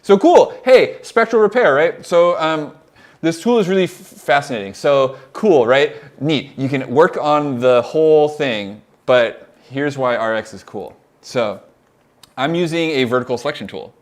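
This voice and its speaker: A young Californian man, acting as an audio mentor, casually demos audio software on a live stream, rambling excitedly with plenty of "like" and laughter. His voice is a little high and his pace unhurried.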